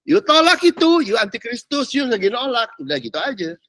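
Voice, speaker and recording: Man, preacher, high voice, lively swoops, dry close sound. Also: fairly quick, dry recording. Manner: animated, teasing, slangy Jakarta street talk. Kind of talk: sermon.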